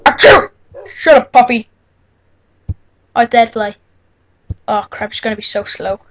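Giggly high-voiced girl. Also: steady tone, a little slow, a little hiss or hum. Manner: giggly, chatty, exclaims often. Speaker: tutorial maker. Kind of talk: casual screen-recorded tutorial. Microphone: cheap computer microphone.

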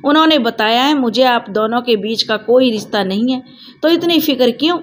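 A woman voicing a cheerful young woman who teases gently and politely. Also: on the high side, normal speed, lightly acted. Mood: teasing. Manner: gentle, teasing. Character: young woman, cheerful, teasing sister-in-law type.

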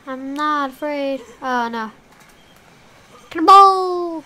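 A woman's voice: on the high side, unhurried. A woman giving casual gameplay commentary, chatting to the creatures in her game. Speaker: gamer.

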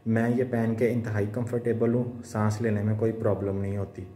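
A man's voice: fairly low pitch, flat delivery, brisk, warm tone. A man talking through a face mask as he hosts a casual unboxing vlog, dropping English phrases into his chat. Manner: chatty, mixes English phrases into Urdu. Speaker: vlogger. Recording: roomy echo.

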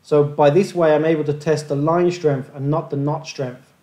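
A man's voice: on the high side, steady tone, normal speed, mellow. A man hosting a fishing channel, narrating a methodical review of gear tests over slides in a plain-spoken way.

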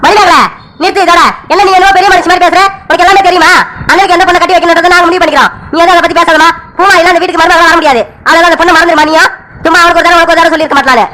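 A strict, scolding father in a cartoon, played by a woman, firing off orders very quickly. The voice sits very high and sounds bright and forceful. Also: fairly even intonation. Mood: stern. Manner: scolding, commanding. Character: stern strict village father. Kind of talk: cartoon voice acting.

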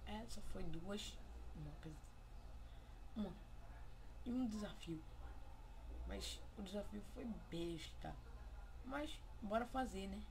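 A man's voice: high-pitched, expressive, slow pace, pauses often, noisy background. A young male vlogger with a Pernambuco accent, talking casually and joking at his own expense in a solo vlog. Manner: playful, self-mocking, slangy.

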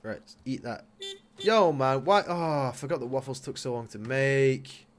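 A young man casually commentating a life-sim game, chatting to his character and breaking into loud exclamations. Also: medium pitch, animated, unhurried. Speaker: gaming YouTuber. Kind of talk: casual Let's Play commentary.

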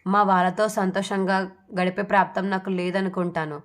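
A woman reading the part of a patient young wife who speaks softly and with resignation. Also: mid-range voice, flat delivery, moderate pace, natural voice. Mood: resigned.

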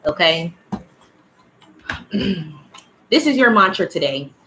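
A woman's voice: low voice, bright, forceful tone, slight background noise, low-quality recording. A woman giving a casual, blunt livestream oracle card reading who swears freely and calls her listeners child and y'all. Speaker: spiritual card reader.

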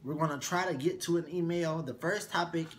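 A young male co-host of a casual chat show talks briskly, sassy and animated, his voice swinging up high. He's recorded in a small bedroom, with a little hiss or hum in the audio.

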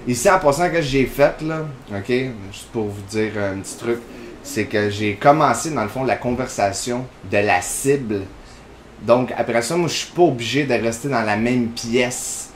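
A man's voice: medium pitch, normal speed, roomy sound, a little hiss or hum. Quebec French man chatting over gameplay. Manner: chatty, rambling, full of fillers. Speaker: gaming channel host. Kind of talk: casual gameplay commentary.

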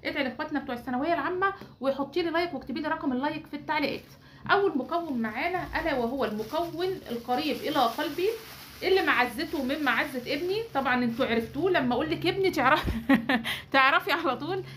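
An Egyptian woman rattles through a hair-care recipe at breakneck speed. Her voice sits high, and her tone is chatty and teasing. She talks to her viewers like sisters while she guides them step by step. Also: very fast, a bit bright, a little hiss or hum. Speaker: beauty channel host.

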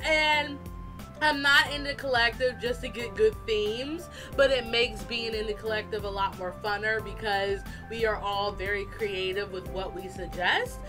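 A woman artist giving a chatty, animated, self-deprecating casual voice-over for a drawing video. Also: mid-range voice, measured pace. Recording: fan blowing nearby, slightly distorted, music behind. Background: music and a fan running.

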